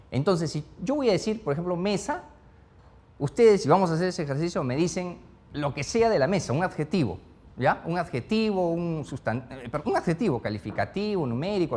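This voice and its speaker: A man teaching a speed-reading class, asking the group question after question and filling his talk with short tag questions. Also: medium pitch. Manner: animated, questions the group over and over; peppers speech with "¿ya?" and "¿no?". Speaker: speed-reading course instructor. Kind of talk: interactive classroom lesson.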